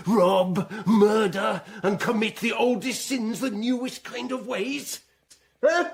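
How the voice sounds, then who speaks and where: An actor playing a bitter, dying old king in a theatrical, declamatory Shakespearean radio drama style. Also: on the high side. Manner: declamatory, theatrical, drawn-out, swelling from murmurs to shouts. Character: old dying king, ailing, bitter, grieving, raging at his son. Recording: studio radio drama with music behind.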